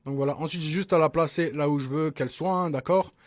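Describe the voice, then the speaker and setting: A man's voice: a little high, fast talker, a little hiss or hum. A man giving a casual music production tutorial, chatting to his viewers and checking in with them every few phrases. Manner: chatty, peppers speech with "hein" and "d'accord?"; addresses viewers as "les gars". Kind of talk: casual screen-recorded tutorial.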